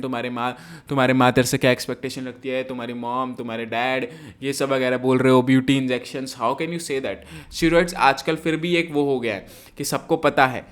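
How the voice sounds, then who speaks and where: A man giving a heated, indignant review of a reality show episode, dropping English phrases into his talk. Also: on the high side. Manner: mixes English phrases into Hindi. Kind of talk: casual review commentary.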